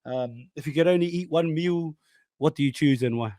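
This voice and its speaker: Higher-voiced Kiwi man hosting a podcast. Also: normal speed, mellow, no room sound, studio quality. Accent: New Zealand. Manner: matey, slangy, repeats words. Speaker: podcast host. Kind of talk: casual interview chat.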